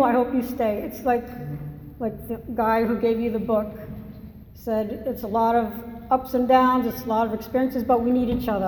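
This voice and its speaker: At a recovery meeting, an older Massachusetts native with a matching accent tells her personal story in a fairly high, slightly mellow voice. The hall is echoey with faint noise, and she rambles candidly while joking at her own expense.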